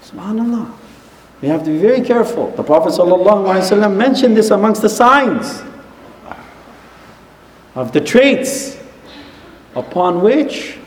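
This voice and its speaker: High-voiced preacher in an echoey hall. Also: male voice, a little hiss or hum. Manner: earnest, storytelling, with religious phrases. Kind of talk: sermon with a moral story.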